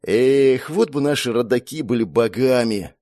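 A man's voice: mid-range voice, very animated, fast, darkish tone, dry recording, studio quality, pitched above the performer's own voice. A man voicing a boastful, cheeky teenage boy who teases his older sister. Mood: cocky. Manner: boastful, cheeky, whiny when dreaming. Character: cocky teenage boy, younger brother, daydreamer.

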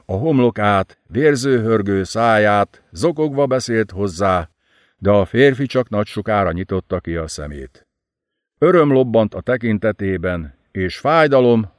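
A man narrating an audiobook in an expressive, dramatic storytelling manner. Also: fairly low pitch, dry recording, clean studio sound.

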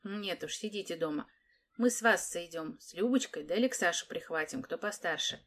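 A mischievous little girl in a storybook tale, voiced by a woman reader, talking with decisive self-importance. The tone sits a little above the reader's low-ish voice. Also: normal speed, fairly bright tone. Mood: self-important.

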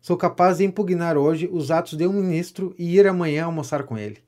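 A man with a Brazilian accent and a fairly high, natural-sounding voice speaks fairly quickly as a self-important gentleman of letters in an audio version of a 19th-century stage comedy. The character is a vain pamphleteer and political know-it-all, so he pontificates pompously and pours on flattery.

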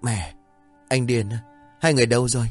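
A man's voice: fairly even intonation, brisk, soft background music, lightly acted. A male storyteller voicing a frightened young wife haunted by visions, trembling and pleading in a raised voice. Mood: anxious. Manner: trembling, pleading, higher put-on voice.

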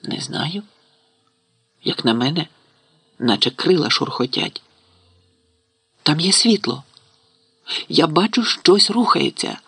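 A man's voice: on the high side, very animated, slow, long pauses, fairly bright tone, breathy edge, dry recording, heavily acted. A man voicing a brave young schoolboy wizard who speaks in strained, urgent bursts, in an audiobook reading. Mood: wary.

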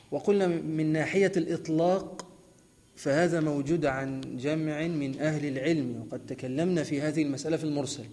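A man leads a hadith lesson, stopping to correct how his student reads the names. His voice sits a little high for a man. It rings out in a reverberant hall. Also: darkish tone. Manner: explains patiently, corrects the reader's pronunciation. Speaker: hadith teacher. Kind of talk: Islamic study lesson.

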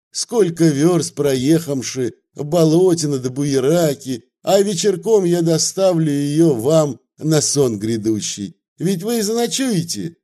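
A stout, fawning village peasant man rattles on in rustic, obsequious speech, as a man reading a story puts him on. The voice sits noticeably higher and louder than the reader's own, with a mellow, warm color.

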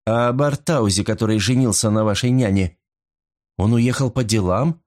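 A man voicing a polite young woman who grows sharp and indignant, in a storybook reading. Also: fairly low pitch, moderate pace, close to an everyday voice. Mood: guarded, polite.

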